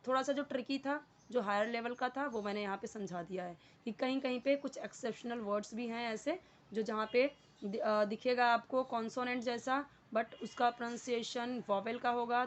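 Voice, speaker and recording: A woman English teacher, patiently explaining grammar step by step, repeating words and asking the viewer questions. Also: on the high side. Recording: dull lo-fi sound.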